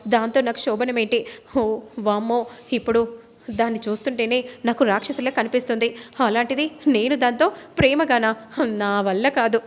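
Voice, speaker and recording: A woman's voice: fairly high pitch, fairly even intonation, moderate pace, natural voice. Woman voicing a panicky young husband. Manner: anxious muttering to himself.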